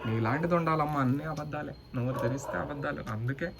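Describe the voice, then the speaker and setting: A man's voice: a little high, quick pace. A man doing comic banter in a playful, teasing, mock-indignant way, with faint background noise. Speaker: comic vlogger.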